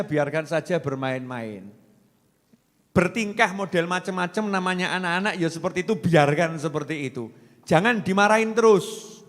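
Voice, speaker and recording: A man preaching a folksy, joking sermon, often putting questions to his audience. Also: medium pitch. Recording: long reverb from a hall.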